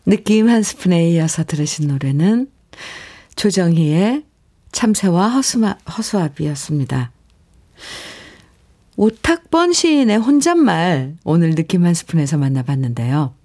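A middle-aged woman hosting a radio show, reading a poem and listeners' letters in a gentle way and laughing often. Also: fairly low pitch, very animated, unhurried. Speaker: radio host. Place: radio studio. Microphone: studio microphone.

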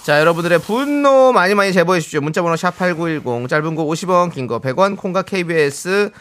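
A man's voice: on the high side, animated, quick pace, a bit bright. A man co-hosting a radio show in a studio, reading listener texts aloud in casual banter and laughing often. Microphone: studio microphone.

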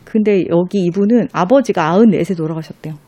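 A woman in casual conversation about books, her voice mellow and soft-edged. She reads quoted passages aloud slowly. The sound is dry and close. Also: lowish voice, no echo. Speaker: book recommender guest.

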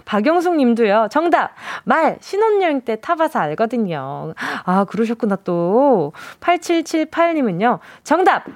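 Playful woman radio DJ, lively voice. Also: a little high, no echo. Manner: playful, chatty, reads listener texts with quick reactions. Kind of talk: casual radio show chat. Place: radio studio. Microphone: studio mic.

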